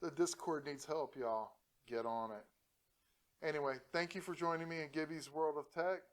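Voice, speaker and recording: A man's voice: a little high, brisk, poor audio. Jokey, upbeat man hosting a tutorial. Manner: jokey, laughs often, chatty and encouraging. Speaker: host of a PC-building channel. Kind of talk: casual tutorial talk to camera.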